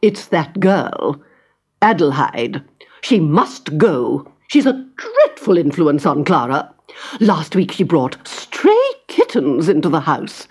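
A woman voicing a stern, strict middle-aged governess who booms and scolds. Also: a little mellow, breathy edge, exaggerated voice. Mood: indignant. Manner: booming, scolding, drawn-out.

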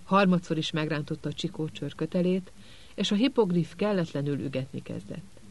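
Férfi mesélő egy hangoskönyvben, nyugodt, kiegyensúlyozott tempóban. Hangja enyhén magas, előadása gondosan megformált. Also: male voice, fairly high pitch. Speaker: audiobook narrator. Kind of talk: scripted audiobook narration.

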